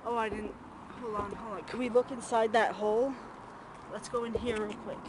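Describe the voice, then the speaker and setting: A woman's voice: a little high, steady tone, normal speed, noisy background. A young woman chatting casually and exclaiming often as she films herself geocaching outdoors on a handheld camera. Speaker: vlogger filming a geocaching trip. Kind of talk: casual chat while exploring. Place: outdoors, brushy desert lot.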